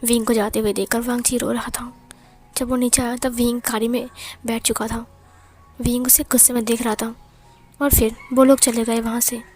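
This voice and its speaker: Woman narrating a story in an even tone. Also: on the high side, moderate pace, slightly rough, faint music behind. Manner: plain, steady storytelling. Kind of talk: retelling fan fiction.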